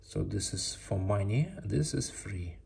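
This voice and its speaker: An adult giving casual, halting, muttered commentary while playing along with a children's app. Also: low voice, lively intonation, vocal fry, breathy edge. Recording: loud background noise, clicking.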